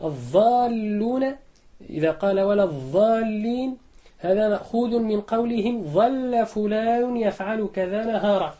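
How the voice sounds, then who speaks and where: A man, a sheikh, teaching a fiqh lesson in measured explanation, repeating key rulings and reciting examples. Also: high-pitched, mellow. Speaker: sheikh teaching Shafi'i jurisprudence.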